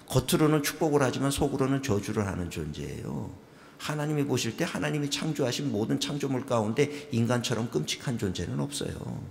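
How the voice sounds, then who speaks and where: A middle-aged man preaches a revival sermon with a gravelly, creaky voice, telling stories and throwing questions at the congregation. His voice rings through a church sanctuary with a long reverb tail and a faint hum of ambience. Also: fairly low pitch. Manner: storytelling, questions the congregation, acts out his own prayers. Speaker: pastor.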